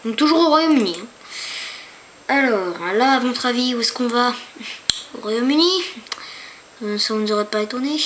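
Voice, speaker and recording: Woman, high voice, casual screen-tour narrator, hesitant and chatty, talks straight to viewers, home computer mic. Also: lively intonation, normal speed, pauses often, noisy background. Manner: chatty, hesitant, stumbles over foreign names; talks to viewers with rhetorical questions. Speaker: YouTuber.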